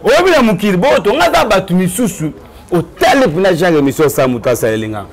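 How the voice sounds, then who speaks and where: A man, talking in an animated, preachy way on a casual web TV show. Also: high-pitched, brisk. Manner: animated, preachy, mixing Lingala and French. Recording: crowd noise behind.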